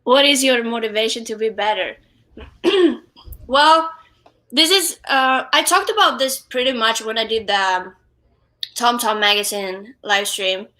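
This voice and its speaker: Bright Swedish-accented woman, halting chat. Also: on the high side. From Sweden. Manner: halting, many fillers and restarts. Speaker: guest drummer. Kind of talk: casual live-stream interview. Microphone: wireless headphones.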